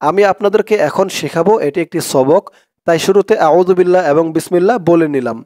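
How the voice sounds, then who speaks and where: A man with a Bangladeshi accent teaches Arabic prayers. He spells out the syllables quickly, then chants the whole words slowly. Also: sits high, darkish tone, no echo, studio quality. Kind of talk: spelled-out recitation lesson.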